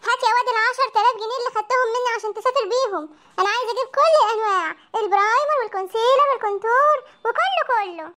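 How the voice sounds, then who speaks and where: A voice actor playing a bossy old Egyptian mother in a comic cartoon, with an Egyptian accent and a shrill, scolding manner. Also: racing, hardly any pauses, bright, forceful tone. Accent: Egyptian Arabic.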